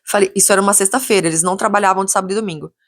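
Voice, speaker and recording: A woman's voice: medium pitch, rapid-fire, fairly bright tone. A woman vlogger casually telling a story from her home renovation, chatty and full of fillers. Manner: chatty, retells dialogue with many fillers.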